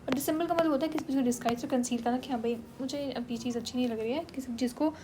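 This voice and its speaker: Mixing Hindi and English, this Indian-accented tutor runs an English vocabulary lesson for exam students and frequently checks that they are following. She speaks very fast in a high, warm voice, with slight background noise.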